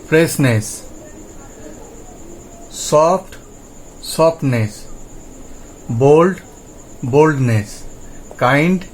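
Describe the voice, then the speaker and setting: A man's voice: on the high side, slight background noise, poor audio. Patient male pronunciation teacher. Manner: slow, patient, repeats words for drill. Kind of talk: Bengali-language lesson, spoken explanation.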